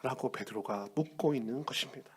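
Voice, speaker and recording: A male pastor preaching an earnest sermon, moving between loud appeals and hushed words. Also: mid-range voice, brisk, a little hiss or hum.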